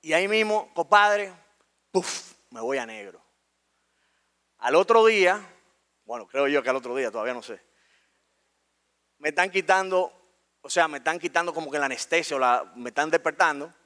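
A man with a Dominican accent telling a personal story on stage, colloquial and animated, acting out scenes. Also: a little high, normal speed, long pauses. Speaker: speaker. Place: stage in a talk venue.

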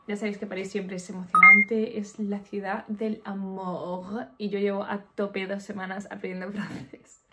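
A woman with a Spain Spanish accent chatting excitedly to camera in a casual vlog, laughing often. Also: mid-range voice. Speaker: lifestyle vlogger.

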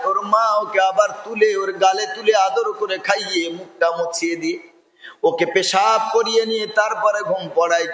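Impassioned, tearful high-voiced male preacher. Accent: Bengali. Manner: tearful, impassioned preaching, swinging between loud cries and soft pleading. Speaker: Islamic preacher. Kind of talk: emotional sermon. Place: religious gathering in a large hall. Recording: echoey hall with long reverb.

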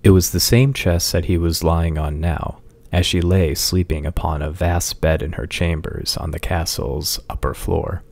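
A male storyteller with a very low voice and a gravelly edge, reading a fantasy tale in slow, measured narration. The recording is dry and close, with no room sound. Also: fairly even intonation, darkish tone, no echo. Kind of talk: scripted narration.

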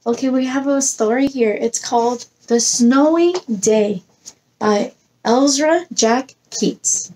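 On a rough recording, a woman in her thirties reads a picture book to young children, expressive and coaxing them along with questions and prompts, in an indoor room by a plain textured wall. As a preschool teacher she speaks slowly, her voice on the high side with a darkish tone.

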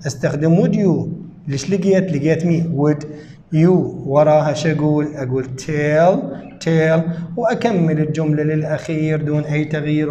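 A man with an Iraqi Arabic accent explaining an English lesson, asking himself questions and then slowly repeating the answers word by word. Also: a little high, dark tone, echoey room, slight background noise. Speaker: English teacher.

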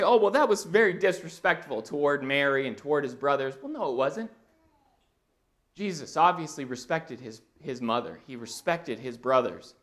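A man in his thirties preaches in an animated, conversational way, moving about a church stage. His slightly high voice swings widely in pitch. He talks into a body mic in a church auditorium. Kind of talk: sermon. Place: church auditorium with a projection screen.

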